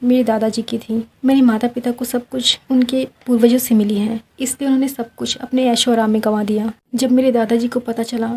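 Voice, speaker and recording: A sly young man who talks smooth and mocking to trick a girl out of her locket, read by a woman. The voice sits fairly high and stays flat and even, with a soft, husky, mellow tone. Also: fairly quick, few pauses. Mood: explaining. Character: scheming young man after a magic locket.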